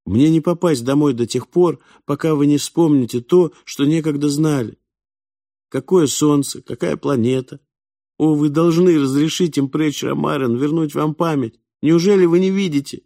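For an audiobook character, a man pitches his voice above his own to play an earnest young boy from another planet, explaining things in a plaintive, eager way. The voice is a little high and dark-toned, at a moderate pace, lightly acted, with clean studio sound and no room sound.

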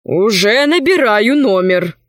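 This is a gentle storybook professor and father, as a woman narrator puts him on, speaking slowly and evenly. The voice drops a little below her own, unhurried and dry. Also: lively intonation, no echo. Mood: calm. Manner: slow, measured, gently lowered voice. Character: calm, kindly male professor father.

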